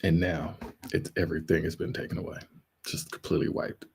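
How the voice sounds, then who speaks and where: A man's voice: a bass voice, flat delivery, a little fast, a little hiss or hum, poor audio. A man hosting a live stream, talking in a loose, rambling, joking way that often breaks into laughs. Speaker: livestream host. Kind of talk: casual livestream commentary.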